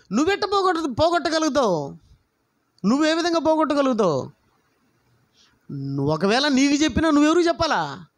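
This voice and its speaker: A man preaching a sermon as a pastor, passionate and full of rhetorical questions put straight to the listeners. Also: very high-pitched. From Andhra Pradesh, India. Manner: impassioned, rhetorical questions, addresses listeners directly.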